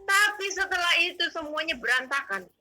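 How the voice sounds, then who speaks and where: A woman telling her testimony as a guest, in animated, emotional, slangy conversational storytelling. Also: high-pitched, a little fast, faint music behind, low-quality recording.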